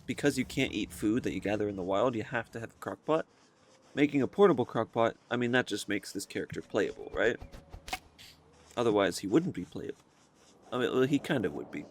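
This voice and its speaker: A man's voice: medium pitch, a little hiss or hum. A man hosting a casual let's-play, thinking aloud as he plays and often rambling and correcting himself. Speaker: gaming video host.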